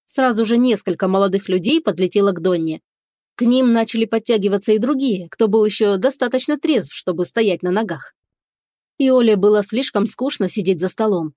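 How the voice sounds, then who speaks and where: A woman narrating a fantasy audiobook in a steady storytelling manner. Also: medium pitch, dry recording, clean studio sound.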